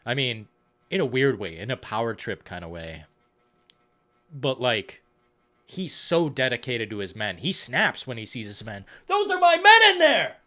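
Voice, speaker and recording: A man hosting a live stream, chatting casually about films in a rambling, profane, excitable way. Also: mid-range voice, unhurried.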